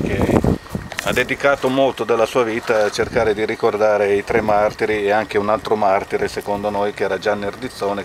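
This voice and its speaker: A man's voice: fairly low pitch, very noisy. A man with a Lombard Italian accent, speaking hesitantly with many fillers, then reading a dialect poem at an outdoor commemoration. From Castano area, Lombardy. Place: outdoors at a memorial bike ride.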